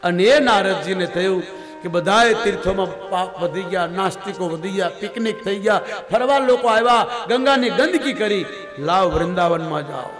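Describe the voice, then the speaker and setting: A man's voice: high-pitched, lively intonation, moderate pace. A man giving a devotional scripture discourse, storytelling and acting out the dialogue. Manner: storytelling, acts out dialogue, chuckles often. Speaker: katha preacher. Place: large religious gathering hall. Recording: echoing hall with loud music.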